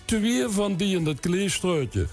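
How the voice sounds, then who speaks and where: A man in his eighties with a broad Limburg Dutch accent, telling anecdotes in dialect in a folksy, unhurried interview style. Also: sits high, big pitch swings, faint music behind. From Limburg, the Netherlands. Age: 80s. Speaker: guest, amateur songwriter.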